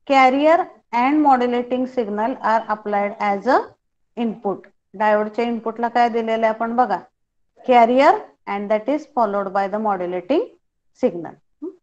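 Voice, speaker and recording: Woman lecturer, measured and slow overall, checks the class often; muffled low-fi sound. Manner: switches between quick Marathi and slow, spaced-out English; quizzes students with short questions. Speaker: teacher.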